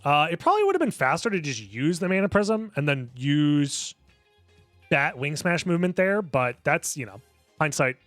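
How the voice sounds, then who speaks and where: Higher-voiced man, speedrunner commentary over music. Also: sing-song, moderate pace, fairly bright tone, no echo. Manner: analytical, step-by-step explaining. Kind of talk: casual explanatory speedrun commentary. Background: music under the voice.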